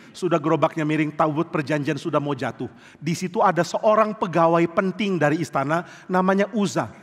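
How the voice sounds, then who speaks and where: The voice is a man's, pitched high for a male speaker, preaching a sermon as a lively storyteller. He acts out scenes vividly as he goes, and a long church-hall reverb rings behind every phrase. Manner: animated storytelling, mimics music with sung syllables. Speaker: pastor. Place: church sanctuary.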